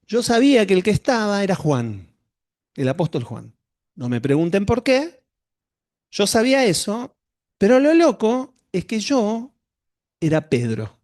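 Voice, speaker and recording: Male pastor, higher-set voice, dry close sound, conversational testimony. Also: darkish tone, no echo. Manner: conversational storytelling, addresses the congregation directly. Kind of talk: sermon with a personal testimony.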